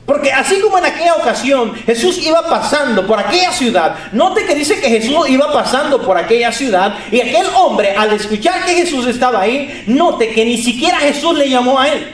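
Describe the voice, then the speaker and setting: A man's voice: very high voice, lively intonation, brisk, few pauses, reverberant. A man preaching a sermon, emphatic and repetitive, speaking straight to his listeners. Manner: emphatic, repeats phrases, addresses listeners directly.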